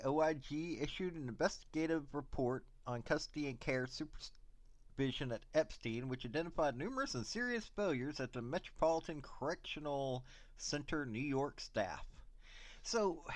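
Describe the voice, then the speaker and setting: A man's voice: fairly high pitch, lively intonation, moderate pace, no room sound. Blunt, sarcastic man with a dry voice. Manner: blunt, casual, sarcastic asides. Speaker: commentator on prison investigations. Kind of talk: opinionated commentary reading reports aloud.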